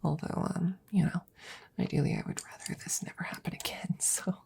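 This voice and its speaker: Speaking close to the microphone, this woman voices a nervous, devoted scientist for an ASMR roleplay, her soft, breathy delivery halting and rambling, often dropping to a whisper. The pitch leans low and the intonation stays fairly even. Underneath the worry there's resolve.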